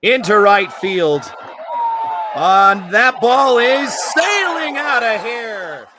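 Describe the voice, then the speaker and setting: A man doing live baseball play-by-play, making an excited, drawn-out home run call. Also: very high-pitched, a loud crowd. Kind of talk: live sports commentary.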